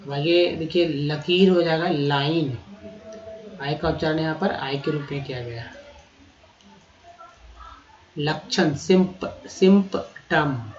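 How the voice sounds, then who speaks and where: A teacher going through a vocabulary list, repeating each word and spelling out its letters. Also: medium pitch. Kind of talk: vocabulary lesson. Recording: roomy echo, slightly dull lo-fi sound.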